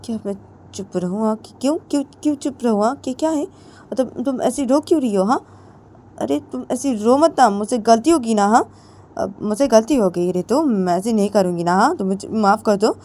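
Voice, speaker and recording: A woman's voice: on the high side, normal speed, dark tone, voice pushed up, lightly acted. A woman storyteller voicing a remorseful young woman who pleads in a whiny tone. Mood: pleading.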